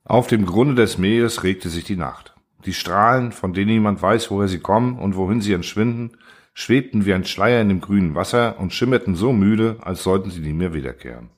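A man narrating a story in a measured, dramatic storytelling manner. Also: fairly low pitch.

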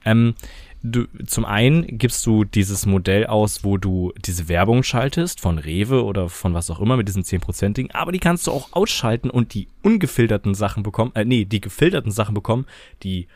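A man co-hosting a podcast in casual chat, talking emphatically and quick to disagree. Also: on the low side, animated, a little mellow, dry recording. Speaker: podcast co-host.

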